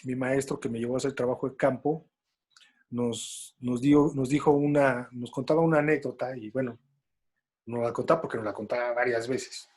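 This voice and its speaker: A man's voice: medium pitch, steady tone, moderate pace, darkish tone, slightly rough. A man with a Mexican accent moderates a panel talk in a loose, colloquial way and tells stories along the way. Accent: Mexican Spanish.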